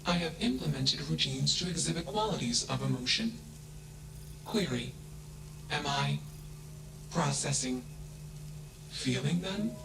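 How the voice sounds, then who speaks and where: A man voicing a flat emotionless AI. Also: on the high side, unhurried, vocal fry, pauses often, noisy background. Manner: flat, clipped, announces each statement type. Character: emotionless self-aware male AI machine. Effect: flat emotionless machine-like voice.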